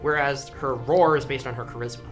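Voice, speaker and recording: A man runs a tabletop roleplaying session as game master, walking players through rolls and describing the battle in a relaxed way with plenty of fillers. Music plays steadily in the background of the recording. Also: medium pitch, brisk. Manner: casual, hesitant with fillers.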